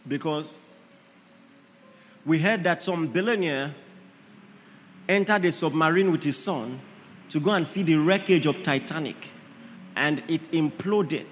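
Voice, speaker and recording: Male preacher, high and animated, emphatic sermon with repeated rhetorical questions, long hall reverb. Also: measured pace, pauses often, a little hiss or hum.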